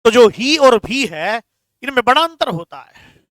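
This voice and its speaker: A man's voice: very high voice, big pitch swings, a little slow, a bit bright, no echo, studio quality. A man teaching a Hindi grammar class online, stressing key words and answering viewers' comments.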